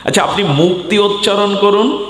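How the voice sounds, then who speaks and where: A man preaching a devotional sermon to a gathering, who swings between high declaiming and low intoned verses. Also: normal speed. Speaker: Bhagavata reciter. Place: hall before a gathering. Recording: roomy hall with long reverb.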